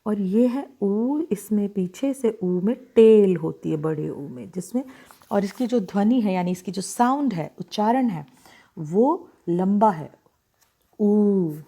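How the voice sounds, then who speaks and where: A woman teaching children how to write vowels, speaking slowly and deliberately, drawing out each sound and checking that they follow. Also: medium pitch, expressive, gravelly, dark tone. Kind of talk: slow, patient handwriting lesson for children.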